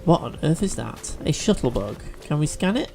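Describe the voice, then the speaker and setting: A man's voice: on the high side, sing-song, moderate pace, creaky, dark tone, faint music behind. A man chatting through a video game as he plays, thinking aloud with fillers and restarts. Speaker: let's play host. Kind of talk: gameplay commentary.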